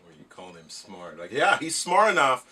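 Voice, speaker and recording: Casting: jokey co-host from Tennessee, lively up-and-down voice, bright, recorded from a distance with faint hiss. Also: male voice, medium pitch, brisk, husky. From Nashville, Tennessee. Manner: teasing, joking, swears freely. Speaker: podcast co-host. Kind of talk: casual podcast banter. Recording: distant mic with faint noise.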